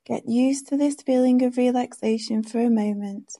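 A woman leading a guided meditation with gentle, soothing, unhurried instructions. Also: a little high, steady tone.

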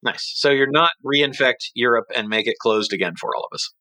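A middle-aged man co-hosts a casual business podcast, speaking fairly quickly in a medium-pitched, bright, forceful voice on a dry recording. He rambles, self-corrects, and often restarts his sentences.

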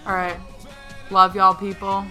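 A woman's voice: mid-range voice, completely flat delivery, unhurried, bright, forceful tone, soft background music. A woman in her twenties from the northern United States, co-hosting a podcast in casual chat with wry quips and frequent laughter. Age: 20s. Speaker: podcast co-host.

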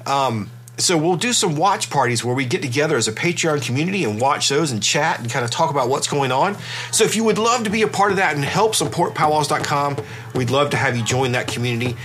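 A middle-aged man hosts a podcast in a loose, chatty manner, his voice stuffy and congested from illness. His tone is bright and forceful, sitting a little high for a man. A faint hum runs under the recording. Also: a little fast. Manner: relaxed, conversational, with fillers and restarts. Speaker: podcast host. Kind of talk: casual podcast talk.

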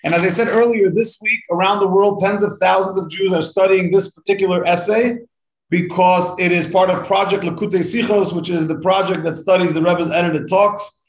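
A man with a fairly high voice leads a live-streamed Torah class. He talks in a chatty, upbeat way, like a teacher warming up his regular students. The room gives his voice a noticeable echo. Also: steady tone, brisk. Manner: chatty, upbeat teacher greeting viewers by name.

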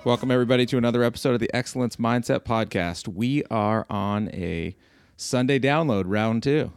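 Smooth-voiced man hosting a home podcast. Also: on the low side, darkish tone, no room sound, studio quality. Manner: rambling, self-correcting, teasing. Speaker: podcast host. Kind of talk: casual home podcast chat. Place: living room floor at home.

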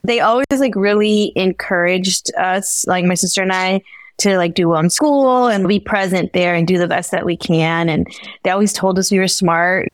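A woman's voice: fairly low pitch, moderate pace, dry recording. Young woman guest, easygoing chat full of likes and laughs, dry close sound. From San Francisco Bay Area. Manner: laughs often, chatty with many fillers. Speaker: podcast guest. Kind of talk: casual interview talk.

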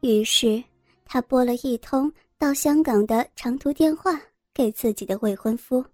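A woman reading a scripted story as narrator, in a steady, even manner. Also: on the high side, a little slow, no echo, clean studio sound. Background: faint music.

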